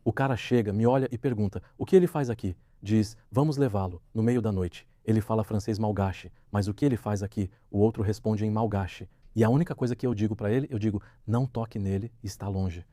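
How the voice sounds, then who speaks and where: A man's voice: on the low side, fairly even intonation, fast, hardly any pauses, mellow, no room sound, studio quality. A man, a guest in an interview, recounts a personal story and acts out the quoted dialogue as he goes. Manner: vivid retelling, acting out quoted dialogue.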